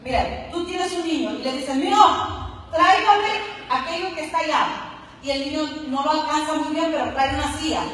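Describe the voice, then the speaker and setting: A woman from Colombia preaching an animated sermon at a church conference, switching between soft asides and shouted lines and acting out quoted voices. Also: high-pitched, moderate pace. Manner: acts out quoted voices in dialogue. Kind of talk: Pentecostal sermon. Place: large church auditorium. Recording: echoey church hall, voice from far off.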